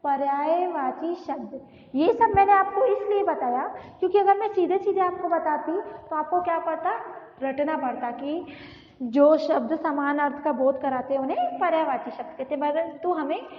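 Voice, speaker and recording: A woman's voice: high-pitched, normal speed. A woman teacher giving an online class for children, asking questions and answering them herself, mixing in English words. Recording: echoey hall, dull lo-fi sound.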